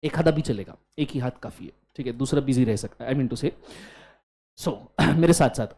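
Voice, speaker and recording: Man, Indian accent, law lecturer, animated, call-and-response drilling, playful scolding. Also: medium pitch, moderate pace. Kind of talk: classroom lecture.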